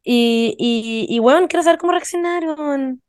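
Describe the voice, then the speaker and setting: A young woman with a Chilean Spanish accent retelling chat messages to friends on a video call, casual and animated. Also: high voice, normal speed, no echo, clean studio sound.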